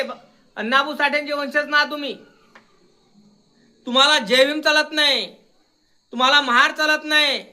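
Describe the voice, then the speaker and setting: A man's voice: very high-pitched, pushed and bright. A young man delivering a combative video rant, repeatedly challenging his listener. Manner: combative, repeatedly demanding "got it?". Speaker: social media commentator.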